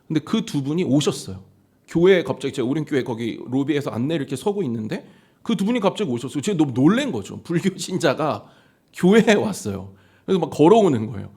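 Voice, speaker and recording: A male pastor preaching a Sunday sermon and telling stories from his ministry. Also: breathy edge. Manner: storytelling sermon with lively pitch swings.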